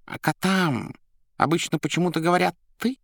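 A man's voice: fairly high pitch, normal speed, creaky, fairly bright tone, no room sound, clean studio sound, pitched above the performer's own voice. A man voicing a pompous, self-satisfied talking tomcat in an audiobook. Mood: pleased.

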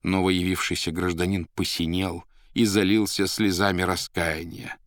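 A man narrating a literary audiobook in a measured, expressive way. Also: low voice, no room sound, clean studio sound.

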